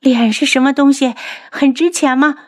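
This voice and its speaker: A woman voicing a scornful young man of a royal house who shouts bitter accusations at his mother. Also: fairly even intonation, normal speed, lightly acted. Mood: bitter, furious. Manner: shrill, accusing, furious.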